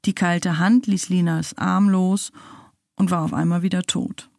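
A woman narrating a spooky storybook in a slow, measured, dramatic way. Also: fairly low pitch, steady tone, creaky, darkish tone, no room sound, clean studio sound.

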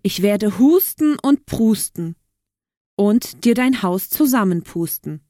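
A woman's voice: mid-range voice, lively intonation, takes it slowly, no echo, clean studio sound. Storybook big bad wolf, menacing and blustering, voiced by a woman reader. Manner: loud blustering threats.

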